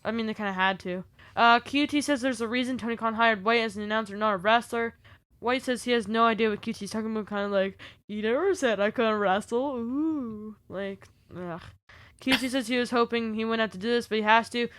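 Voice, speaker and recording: A woman's voice: a little high, a little fast, fairly bright tone, dry recording. A woman co-hosting a wrestling recap podcast, reading through segments with sarcastic, exasperated asides. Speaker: podcast co-host. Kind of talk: casual wrestling recap chat.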